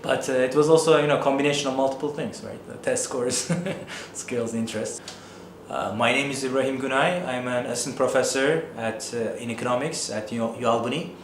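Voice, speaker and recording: A man's voice: mid-range voice, steady tone, a little fast, reverberant, slight background noise. A man in his thirties from Turkey with a Turkish accent, an economics professor answering interview questions thoughtfully, with many fillers.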